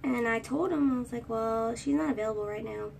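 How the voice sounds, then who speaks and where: Doing her hair on camera, a twentysomething vlogger rambles through a chatty storytime and sings snippets of songs, her high, girlish voice brisk, a little mellow, and touched with vocal fry. The phone sits at arm's length in a small room, giving a distant sound with faint room ambience and slight background noise.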